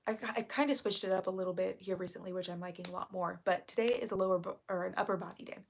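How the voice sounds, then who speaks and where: A woman with heavy vocal fry keeps her voice down as she chats casually on a livestream, reading aloud and answering viewers. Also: medium pitch. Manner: keeping her voice kept down and quiet. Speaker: live stream host.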